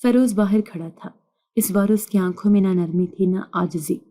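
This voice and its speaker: A woman telling a first-person story in calm, even scripted narration. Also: mid-range voice.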